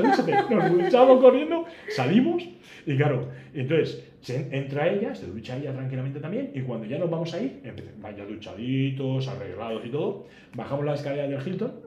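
A man, a podcast guest telling a travel story in a casual, animated way and acting out the dialogue. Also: mid-range voice, quick pace. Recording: roomy echo, faint background noise.

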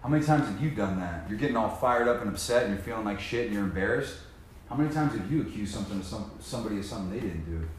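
A man giving a profane, impassioned motivational talk about sobriety, dropping from low muttering to loud emphatic preaching in casual slang. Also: expressive, very fast, a little hiss or hum. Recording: very echoey room.

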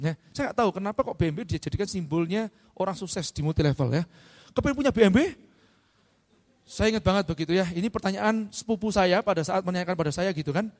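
High-pitched middle-aged man, lively motivational speaker quizzing the crowd, heard in a big reverberant hall. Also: quick pace. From Indonesia. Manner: lively, asks the audience questions. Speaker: speaker at an event. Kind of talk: motivational talk to a live audience. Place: large hall.

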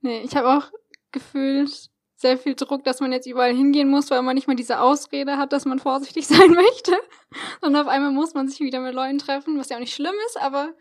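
A female student radio co-host with a high voice chats casually in the studio. Her talk is chatty and personal, with light laughter between thoughts. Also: steady tone, a little fast.

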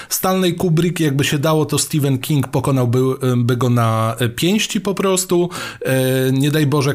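A man in a medium voice co-hosts a relaxed film podcast. He jokes and wanders off track, often pausing on fillers. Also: mid-range voice. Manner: playful, joking, meandering with frequent fillers. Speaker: podcast co-host. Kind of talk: casual film podcast chat.

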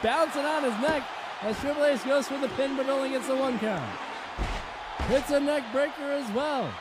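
A man doing an excited wrestling commentator, calling moves play-by-play in a punchy, emphatic, often shouting delivery. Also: very high-pitched, normal speed. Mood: punchy, focused. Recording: very noisy, loud crowd behind. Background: loud crowd noise.

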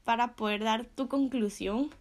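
A woman's voice: fairly high pitch, steady tone, a little slow. A young woman sharing a casual devotional talk, chatty and full of fillers, often laughing between phrases.

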